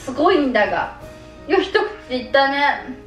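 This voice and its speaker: A woman's voice: sits high, sing-song, normal speed, far from the mic. A drunk woman in her twenties having a casual chat with a friend. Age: 20s. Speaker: vlogger. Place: small living room, on a sofa. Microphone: camera a few metres away. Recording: echoey room, off the mic, music behind.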